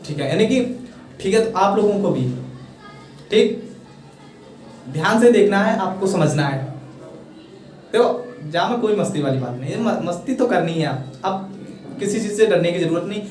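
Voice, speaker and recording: An animated young male English teacher with a Hindi accent explains a pronunciation lesson to students, frequently checking they follow. His high, darkish voice keeps a moderate pace and pauses often, and his repeated "thik hai" sounds coaxing and encouraging in this casual classroom talk. The room is echoey and the voice sounds distant.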